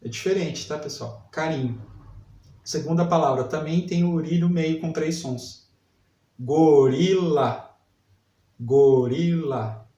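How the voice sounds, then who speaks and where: A man teaching a literacy lesson, sounding out syllables slowly and repeating each word. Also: a little high, darkish tone, far from the mic. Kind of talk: slow spelling lesson for adult learners. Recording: echoey room, voice set back from mic.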